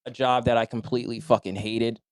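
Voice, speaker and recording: A man's voice: medium pitch, flat delivery, brisk, clear, resonant tone, dry recording. A young man chatting casually as a guest on a podcast, laid-back and often laughing. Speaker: guest, giveaway winner.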